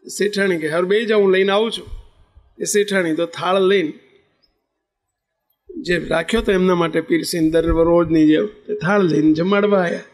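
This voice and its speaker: A man with a Gujarati accent, a spiritual teacher telling a devotional parable and acting out the characters' dialogue. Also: sits high. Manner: lively storyteller acting out each character in dialogue. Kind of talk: devotional storytelling discourse.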